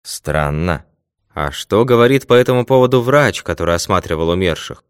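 A man reading the lines of a calm, methodical male detective in a storybook tale, with a measured, confident manner. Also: low-pitched, smooth, dry recording, studio quality. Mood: assured.

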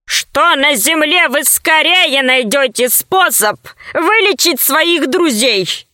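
Woman doing a polite male doctor, slow and deliberate, high thin voice, dry sound. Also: expressive, sharp tone, dry recording, full character voice. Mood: courteous.

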